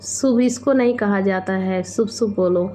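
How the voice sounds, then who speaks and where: Unhurried woman chatting on a live stream. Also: medium pitch, slight background noise. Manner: unhurried, chatty, gently scolding viewers. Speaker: live stream host reading viewer comments. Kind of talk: casual live stream chat. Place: home, at night.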